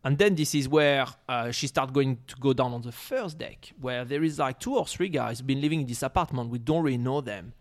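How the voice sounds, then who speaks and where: A man's voice: mid-range voice, fairly quick, few pauses. Rambling man telling a story. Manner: rambling, many fillers, acts out quotes in shouted voices. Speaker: storyteller on a chat show. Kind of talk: casual anecdote telling.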